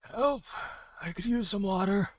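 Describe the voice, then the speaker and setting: A man's voice: high voice, measured pace, no echo, voice pushed up. A man voicing a trapped stranger who calls out, muffled, for help. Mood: pleading. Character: muffled trapped stranger calling for water, adult.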